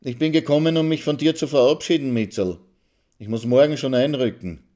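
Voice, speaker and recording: A man reading a story aloud and voicing a dapper, proud former waiter who speaks quickly. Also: mid-range voice, warm tone, voice pushed up, close to an everyday voice.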